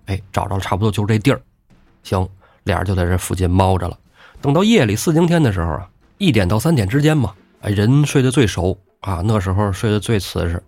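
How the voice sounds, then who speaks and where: Low-voiced playful male storyteller. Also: expressive, fast, a little mellow, dry recording. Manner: playful, chatty asides. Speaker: storyteller host. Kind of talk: comic oral storytelling.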